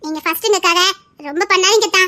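Touchy teen girl, Tirunelveli accent, very high, bright voice, sarcastic, played by a woman. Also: quick pace. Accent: Tirunelveli Tamil. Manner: sharp, sarcastic retorts. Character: touchy, proud teenage girl.

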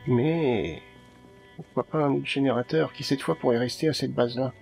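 A man's voice: mid-range voice, fairly even intonation, normal speed, creaky, darkish tone, soft background music. A man giving casual let's play commentary, muttering and thinking aloud to himself.

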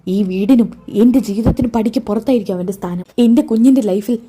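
A woman voicing a frightened young wife who has just discovered her husband's betrayal, talking in high, alarmed bursts. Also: a little fast, warm tone, slight background noise, close to an everyday voice. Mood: distressed.

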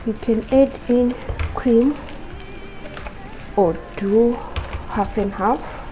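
A young woman calmly narrating a casual cook-along, explaining each step to her viewers from her home kitchen. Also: fairly high pitch, extremely slow, over music, rough recording. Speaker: cooking vlogger. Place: home kitchen while cooking. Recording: loud frying sizzle behind voice.

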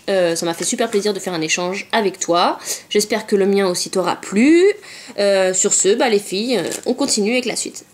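A woman vlogger chatting casually as she unboxes craft supplies at home, often saying euh and hop. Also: a little high. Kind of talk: casual unboxing show-and-tell.

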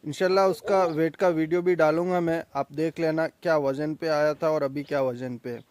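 A young man with a somewhat high voice gives a chatty, boastful sales talk from an outdoor goat pen. He films himself on a handheld phone, and his voice comes across dry, with almost no room sound. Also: steady tone, normal speed, darkish tone, dry recording. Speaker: goat farm owner and vlogger. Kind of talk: casual promotional farm vlog.

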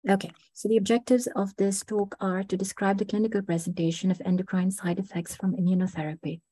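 A hoarse woman, a clinical research fellow still getting over the flu, lectures online about a medical case over a video call. Her tone is dark and mellow, medium in pitch with little pitch movement, and she speaks in a measured, methodical way, saying "uh" a lot. The recording is dry with no echo.

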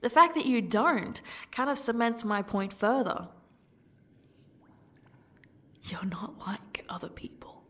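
A woman playing a smug, sadistic yandere stalker in a breathy whispered role-play, talking to her captive in a taunting, condescending way. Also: fairly high pitch, expressive, bright, forceful tone, full character voice. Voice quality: breathy, husky, dropping into whispers. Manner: slow, taunting, condescending, faux-gracious.

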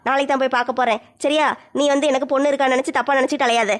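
A woman's voice: high-pitched, fairly even intonation, rapid-fire, natural voice. A woman voicing a boastful older village mother-in-law who chatters and scolds in cartoon voice acting. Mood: scornful.

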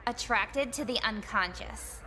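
A woman's voice: on the high side, a little slow, pushed and bright. An actress voicing a blunt, gossipy sixteen-year-old schoolgirl in a video game, chatty and casually profane.

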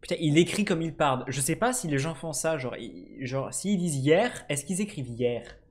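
A man giving casual let's-play commentary, swearing freely and swinging between low mutters and sudden excited shouts. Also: moderate pace, slightly rough. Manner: swears casually, jokey asides. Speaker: gaming streamer.

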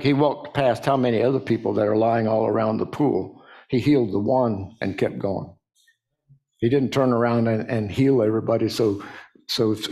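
Male pastor, mid-pitched voice, casual storytelling sermon, jumps high on quoted lines. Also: a little mellow. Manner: frequent restarts and folksy asides.

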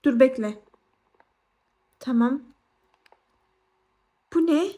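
A young woman with a high voice gives casual, unhurried commentary as she plays a video game. She talks to her viewers and often breaks into excited exclamations and squeals. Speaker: gaming vlogger.

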